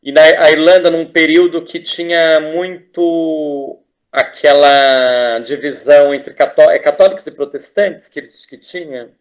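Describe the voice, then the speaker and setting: A man's voice: a little high, steady tone, unhurried. A Brazilian man, a teacher and artist, talking as a guest in a casual interview, enthusiastic and rambling with frequent restarts and tag questions.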